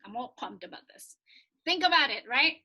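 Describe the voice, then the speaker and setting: Bright high-voiced woman hosting. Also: expressive, moderate pace. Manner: upbeat, prompting others to join in. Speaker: forum host. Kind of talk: casual group discussion. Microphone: video call.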